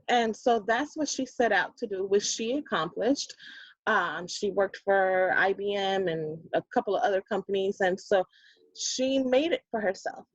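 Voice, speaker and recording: Speaking with no room sound at a medium pitch, this Bronx woman in her thirties has a New York Puerto Rican accent. She's an animated guest in a casual interview chat, captured on dull, lo-fi audio.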